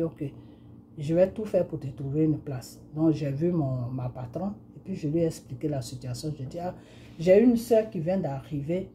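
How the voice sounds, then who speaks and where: A middle-aged woman from Côte d'Ivoire speaks with an Ivorian French accent and a very dark, mellow tone. She recounts a personal testimony in a relaxed conversational way, full of fillers and acted-out dialogue. A faint noise sits under her voice. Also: low-pitched. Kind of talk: spoken testimony, storytelling.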